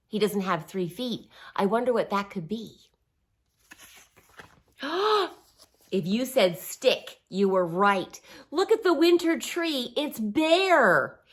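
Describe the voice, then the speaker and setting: In a medium-pitched voice, a woman reads a picture book aloud for young kids. She encourages them with simple phrasing, stresses words expressively, and slips in little asides and questions.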